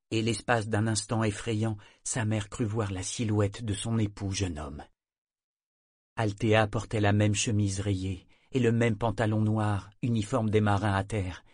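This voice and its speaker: An audiobook narrator reads a novel in a measured, even storytelling style. His voice is lowish, captured with clean studio sound and no echo.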